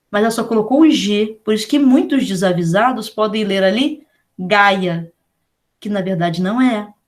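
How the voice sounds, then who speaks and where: Woman, Brazilian accent, teacher, casual lecture, slangy, spells letters slowly, mid pitch. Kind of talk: online lecture.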